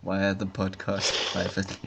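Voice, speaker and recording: Male co-host, lowish voice, dry deadpan humor. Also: unhurried, crowd noise. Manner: dry, joking banter. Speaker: podcast co-host. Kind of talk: casual gaming podcast chat.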